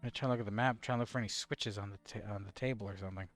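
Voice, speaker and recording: A man's voice: fairly low pitch, fairly even intonation, racing, a bit bright, faint music behind. A man streaming a game live, chatting and joking about what happens on screen. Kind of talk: casual live-stream commentary.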